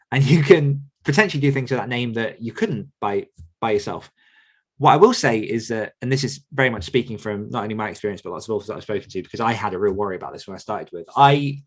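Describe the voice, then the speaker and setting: A chatty man who hosts a podcast and works as an author coach talks candidly in a casual podcast chat, laughing often. His lowish voice moves fast and carries a breathy edge.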